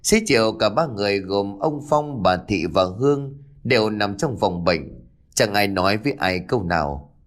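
A man narrates a ghost story with a low voice that swings widely in pitch. His delivery is dramatic and expressive. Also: moderate pace.

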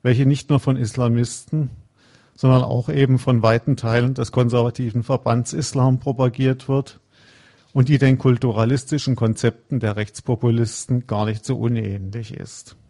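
A man giving a conference lecture, reading a prepared script in a measured, formal way. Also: mid-range voice, level tone, mellow. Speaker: conference speaker.

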